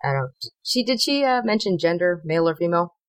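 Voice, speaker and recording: A woman's voice: lowish voice, lively intonation, quick pace, dry recording. A woman playing a tabletop game, chatty and hesitant, with many fillers. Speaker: player. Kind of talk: casual tabletop play.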